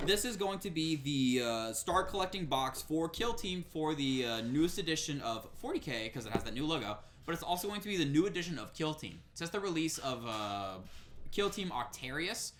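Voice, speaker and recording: Animated man with lively pitch swings. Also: slight background noise. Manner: animated, laughs often, quick asides. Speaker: co-host. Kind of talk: casual product rundown.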